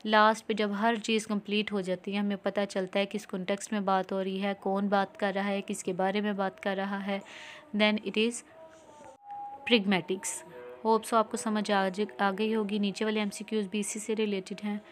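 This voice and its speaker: A woman with a Pakistani accent giving an exam-prep lesson, reading English lines slowly and explaining them in mixed Urdu and English. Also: mid-range voice, flat delivery, slight background noise. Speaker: teacher.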